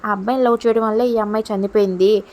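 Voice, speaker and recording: A woman narrating a story as a voiceover in a quick, colloquial way, leaning on the same filler phrases again and again. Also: mid-range voice, steady tone, darkish tone. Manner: rapid, colloquial retelling with recurring filler phrases.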